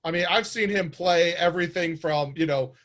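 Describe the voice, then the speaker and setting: A man's voice: fairly high pitch, normal speed, fairly bright tone. A man hosting a casual chat, talking earnestly and thoughtfully about films. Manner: earnest, thoughtful film talk. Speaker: host.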